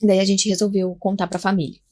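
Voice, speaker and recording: A young Brazilian woman from Minas Gerais, a guest mother telling her story in a podcast chat, soft-spoken, acting out the lines of others. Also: mid-range voice, little pitch movement, quick pace.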